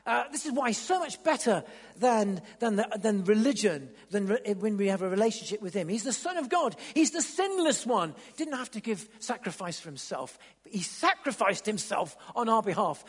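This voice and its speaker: High-voiced preacher in a reverberant hall. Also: male voice, breathy edge. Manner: halting, repeats words, builds to excited emphasis. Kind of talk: sermon.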